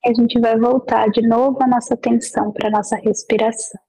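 A woman guides a meditation in a mellow, breathy voice set a little high. A gravelly fry runs under her gentle, unhurried instructions, which come with long pauses between them. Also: flat delivery, low-quality recording.

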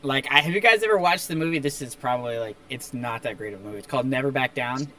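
An enthusiastic young man in a casual movie review chat, with a bright, forward voice. He throws in emphatic asides as he talks. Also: medium pitch, quick pace. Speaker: movie review podcast co-host.

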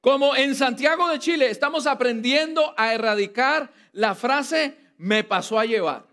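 A man with a Costa Rican accent preaching a lively sermon, playful and teasing with his congregation. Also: extremely high pitch, unhurried. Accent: Costa Rican Spanish. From Costa Rica.

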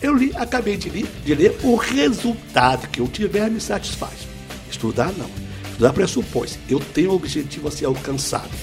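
Male teacher guest, bit high, very lively delivery, didactic, faint music behind. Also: a little fast. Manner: lively, didactic, full of examples. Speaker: speed-reading teacher, guest. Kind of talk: explanatory interview answers.

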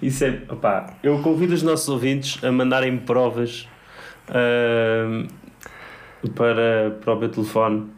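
A man's voice: medium pitch, level tone, measured pace, a little hiss or hum. A young man chatting casually as a podcast co-host, slangy and ranting in mock exasperation. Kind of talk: casual comedic chat.

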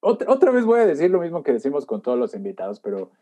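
A man's voice: fairly high pitch, wildly swooping pitch, very fast, warm tone. A man hosting a podcast in casual chat, joking and slangy. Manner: joking, slangy, fills with "güey". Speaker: podcast host.

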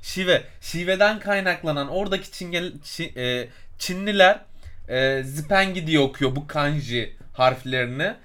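A man with a fairly high, somewhat bright voice sounds animated as he co-hosts a travel podcast. At a moderate pace, he tells a long, rambling story in a casual chat, full of fillers and word-searching.

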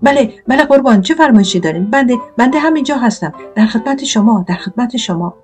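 A woman's voice: a little high, lively intonation, darkish tone, soft background music, pitched above the performer's own voice, natural voice. A woman voicing a small, fawning male pea lawyer in a storybook reading, eager to please.

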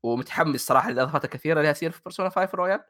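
A man's voice: a little high, rapid-fire, a bit bright. A man chats casually as a gaming show co-host, mixing in English words and phrases and repeating words for emphasis like an enthusiastic fan. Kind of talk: casual chat about video games.

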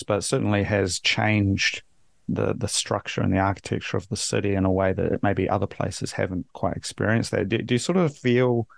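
Low gravelly man from New Zealand. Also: no room sound, studio quality. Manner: rambling, restarts a lot. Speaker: podcast host. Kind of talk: casual interview chat.

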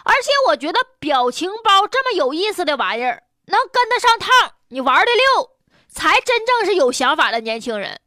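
High, animated Northeastern Mandarin woman host. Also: moderate pace, dry recording, studio quality. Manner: blunt, colloquial, opinionated delivery. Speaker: host of a news commentary show. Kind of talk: humorous, colloquial news commentary.

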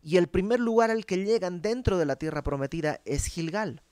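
A man's voice: high-pitched, moderate pace, a little mellow, dry recording. Conversational male preacher, dry sound. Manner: conversational, explanatory teaching. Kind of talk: sermon.

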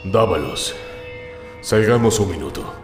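A man's voice: sits low, animated, unhurried. A man playing a stern detective who questions a witness in a commanding way. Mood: probing. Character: stern male detective, sharp and probing. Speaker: police inspector. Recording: roomy echo with loud music.

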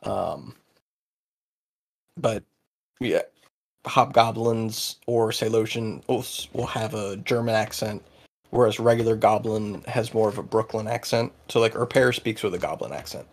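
A man's voice: lowish voice, unhurried, creaky. A man running a tabletop game as game master, explaining things in a rambling, hesitant way.

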